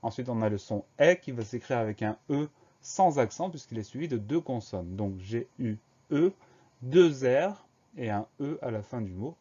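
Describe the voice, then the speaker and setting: A young man teaches a spelling lesson at a mid pitch, spelling each word out letter by letter. His delivery is slow and careful, like classroom dictation. The recording sounds somewhat dull and lo-fi. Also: expressive, warm tone, slightly rough.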